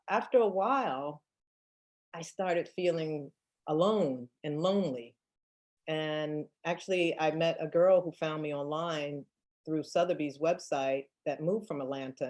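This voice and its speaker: A woman in her fifties who sells real estate answers questions in a relaxed storytelling Q&A, emphatic and quick to laugh. Her voice sits low with a darkish tone, and she speaks a little slowly.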